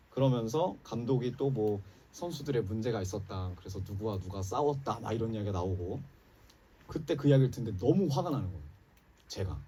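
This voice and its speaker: A man's voice: mid-range voice, dark tone, breathy edge. Impassioned male pastor preaching from afar. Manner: impassioned preaching, rising and dropping emphatically, addresses congregation. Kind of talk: sermon. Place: church sanctuary. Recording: church sermon recorded from a distance.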